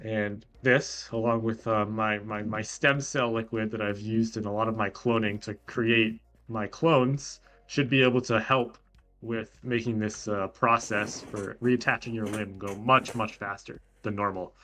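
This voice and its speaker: Halting man role-playing a game doctor. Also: fairly low pitch, fairly even intonation, sharp tone. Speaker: player acting as a clone-making doctor. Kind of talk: improvised game role-play.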